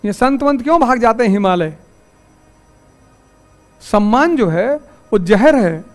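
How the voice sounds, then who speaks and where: A man with a notably high voice speaks to a classroom of exam students. His lecture is folksy and anecdotal, moving between stories and blunt advice. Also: animated, measured pace, soft background music. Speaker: civil services exam teacher.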